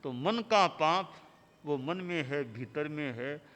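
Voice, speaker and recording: A man delivering a sermon as a spiritual teacher, in measured, rhythmic lists of short phrases. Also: on the high side, animated, fairly bright tone. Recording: long hall reverb.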